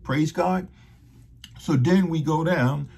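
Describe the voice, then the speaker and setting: Male pastor, middle-aged, gravelly and husky, earnest Bible-study preaching. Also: on the high side, darkish tone. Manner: preacherly, repeats "praise God", slows to read scripture.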